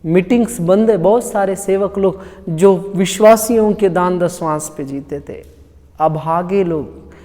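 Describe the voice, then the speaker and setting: A man's voice: high voice, measured pace, dark tone. A male pastor giving a casual, conversational sermon that keeps asking the congregation questions. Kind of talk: Hindi sermon. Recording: long hall reverb.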